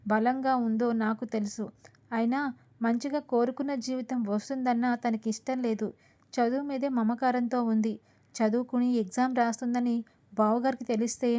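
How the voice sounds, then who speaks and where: A woman's voice: fairly high pitch, warm tone. A woman casually retelling a television serial episode in a chatty way, quoting each character's lines. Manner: chatty, quotes characters with "అని చెప్పేసి".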